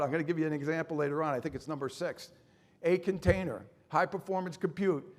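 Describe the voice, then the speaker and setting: A middle-aged man presenting at a conference, animated and folksy, peppering his talk with rhetorical questions and jokey asides. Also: sits high. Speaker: conference speaker.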